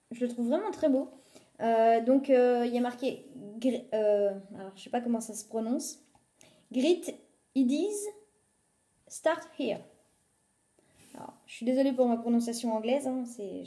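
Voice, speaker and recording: A woman's voice: on the high side, dark tone, echoey room. A woman chatting casually through a shopping haul video filmed on a phone at home, with many fillers as she lists prices. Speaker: vlogger showing a shopping haul.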